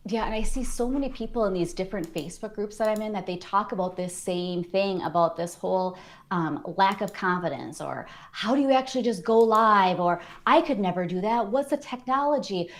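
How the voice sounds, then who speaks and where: A woman's voice: medium pitch, fairly quick. A woman guest in a casual interview, chatty and self-deprecating, talking with frequent fillers.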